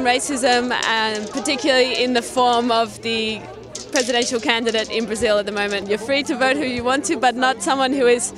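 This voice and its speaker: A woman with an Australian accent speaking deliberately, searching for words, as a protester in a street interview. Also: on the high side. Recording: crowd noise around.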